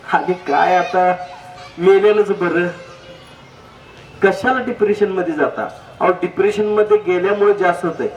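High-voiced man joking in an echoey hall. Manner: jokey, anecdotal, asks the audience direct questions. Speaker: public speaker on health. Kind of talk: humorous public talk. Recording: echoey hall, distant mic, faint noise.

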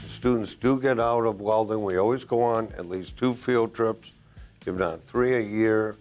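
Deep-voiced older instructor, measured delivery. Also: male voice, darkish tone, soft background music. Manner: measured, deliberate, listing points with pauses. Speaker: welding instructor. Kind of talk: interview answers to a program video. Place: classroom, indoors. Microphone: lapel mic.

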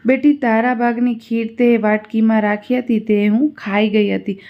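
Kindly motherly cobra goddess, read by a woman, gentle and reassuring, fairly high, muffled lo-fi sound. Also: fairly even intonation, moderate pace, lightly acted. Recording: dull lo-fi recording.

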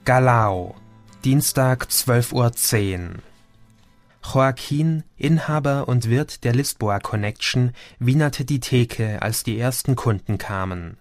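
A man reading a novel aloud as an audiobook narrator, in a calm and measured storytelling manner. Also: medium pitch, no room sound, faint music behind. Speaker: audiobook reader. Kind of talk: scripted narration.

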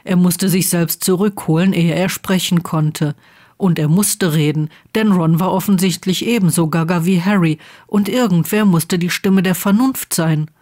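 A woman reading a fan story aloud in a steady, even storytelling voice. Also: on the low side, moderate pace. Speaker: fan fiction reader. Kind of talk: storybook narration.

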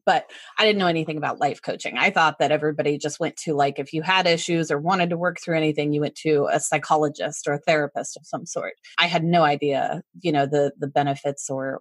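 A woman's voice: sits low, dry recording, studio quality. A woman hosting a podcast interview, chatty and agreeable in a casual way. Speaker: podcast host.

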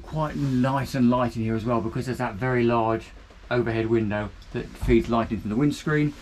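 A boat reviewer gives an upbeat walkthrough of a small motor boat's cabin, filmed on a handheld camera. His voice is medium-pitched and moderately paced, and he chats cheerfully while pointing out features as he moves, with background noise in the clip.

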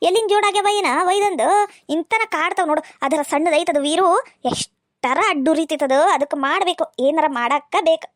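A woman's voice: very high voice, fairly quick, no room sound. Casting: cartoon stepmother from North Karnataka, sugary then spiteful, bone-dry voice, a woman doing it. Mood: scheming. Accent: North Karnataka Kannada. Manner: sweet to the children, snarling behind their backs. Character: scheming grown woman stepmother, two-faced. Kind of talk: cartoon voice acting.

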